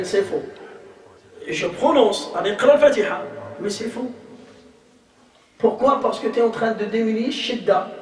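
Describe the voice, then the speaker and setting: A man's voice: sits high, slight background noise. A man teaching a religious lesson to a group, repeating points with emphasis, demonstrating pronunciation and asking rhetorical questions. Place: hall of a community association. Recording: echoey hall, mic far off.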